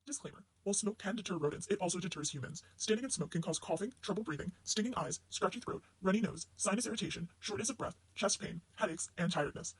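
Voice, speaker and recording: A man's voice: high-pitched, animated, fast, hardly any pauses, husky, exaggerated voice, poor audio. A man playing a matter-of-fact disclaimer announcer in a parody pharmaceutical ad, rattling off warnings from a script. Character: brisk male drug-commercial disclaimer announcer listing dangers.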